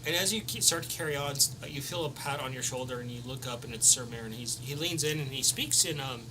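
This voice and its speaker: Man, game master, casual improvised narration, medium pitch, noisy background. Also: fast talker. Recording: clear background noise.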